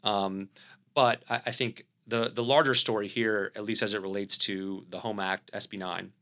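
A man's voice: on the low side, steady tone, moderate pace, sharp tone. A man with a Southern US accent, a company CEO explaining his product in a podcast interview, speaking fluently with many fillers and restarts.

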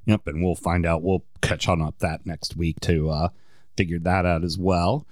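A man's voice: low voice, flat delivery, normal speed, dry recording, clean studio sound. A man hosting a casual sports podcast, with joking, rambling, self-deprecating banter. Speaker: podcast host.

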